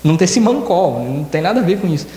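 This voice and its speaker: A man's voice: sits high, very animated, fast, mellow. A man with a Brazilian Portuguese accent preaching a sermon as a church elder. He speaks emphatically, repeats his key phrases and acts out quoted dialogue. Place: church hall. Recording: echoey church hall with long reverb.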